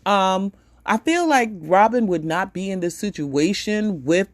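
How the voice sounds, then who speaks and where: A man's voice: high voice, expressive, measured pace, no echo. A man hosting a podcast in a casual style, chatting and reading an article aloud. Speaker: podcast host. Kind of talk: casual commentary.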